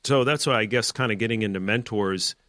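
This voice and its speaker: Brisk and sharp-toned, the same kind of lowish male voice rambles casually through strong opinions and asides as a real estate team leader hosting a podcast. The sound is clean studio audio with no room sound.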